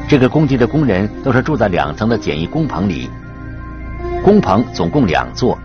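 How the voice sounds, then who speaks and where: A man's voice: on the low side, big pitch swings, normal speed. A man narrating a true crime programme from a script, telling it dramatically with rhetorical questions. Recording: dull sound with music behind. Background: clear background music.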